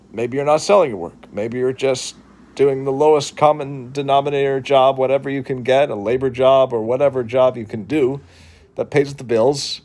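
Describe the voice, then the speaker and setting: Speaking from the couch in his living room, a vlogger in his thirties from Boston talks reflectively and earnestly into a phone camera held at arm's length, his New England accent clear and his speech full of fillers and restarts. The voice is mid-range with a darkish tone.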